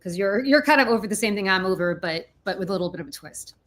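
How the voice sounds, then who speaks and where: Brief: easygoing woman host, mid pitch, casual talk-show tone. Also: lively intonation, quick pace, fairly bright tone. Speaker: podcast host. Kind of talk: casual political chat.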